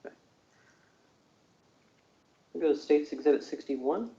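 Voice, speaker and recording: A man working as an attorney, questioning a witness in court with halting, rephrased questions. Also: fairly high pitch, mellow. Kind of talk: courtroom examination. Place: indoor courtroom. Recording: echoey, muffled courtroom audio.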